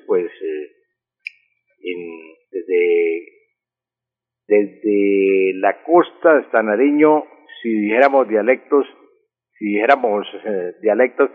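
A man explaining word usage on a radio language segment, patient and methodical, repeating key words slowly. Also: medium pitch, expressive. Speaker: language expert answering listeners. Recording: husky voice over a tinny phone line with long reverb.

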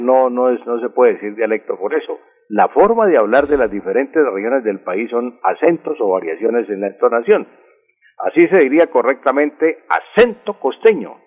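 A man explaining word usage on a radio language segment, patient and methodical, repeating key words slowly. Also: medium pitch. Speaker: language expert answering listeners. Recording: husky voice over a tinny phone line with long reverb.

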